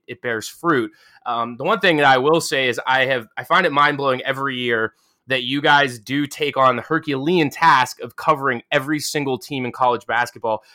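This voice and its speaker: A man's voice: mid-range voice, bright, forceful tone. A man hosting a casual podcast interview, chatty and joking, with many fillers and restarts. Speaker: podcast host.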